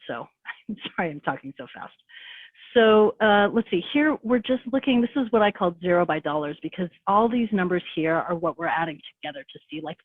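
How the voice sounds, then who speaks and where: A woman giving a fast, casual presentation over a video call, full of fillers and restarts. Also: lowish voice, dry recording. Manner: rapid, conversational, many fillers. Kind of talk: webinar presentation. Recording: tinny phone-like call audio.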